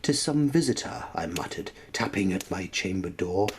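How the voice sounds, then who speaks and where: A man giving a dramatic recitation of a gothic poem, theatrical and often dropping to a hushed near-whisper. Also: deep voice, lively intonation, moderate pace. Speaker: poetry reader. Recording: noticeable background noise.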